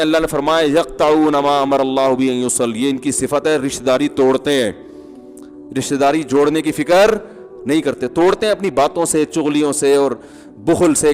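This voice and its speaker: A man's voice: fairly high pitch, big-room sound. A man giving a humorous, conversational sermon as an Islamic preacher, with chuckling asides.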